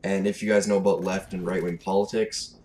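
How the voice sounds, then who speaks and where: A 17-year-old gaming commentator from Alberta, Canada, with a Canadian accent, rants off the cuff in a blunt, fed-up, sweary way. His low, slightly mellow voice is flat and brisk, and the home recording is clearly noisy.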